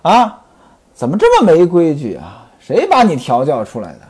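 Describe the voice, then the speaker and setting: A man voicing a teasing, sharp-tongued young concubine who mocks and scolds, told as a storyteller's tale. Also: high voice, wildly swooping pitch, moderate pace, husky, exaggerated voice. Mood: scolding. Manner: mocking, scolding.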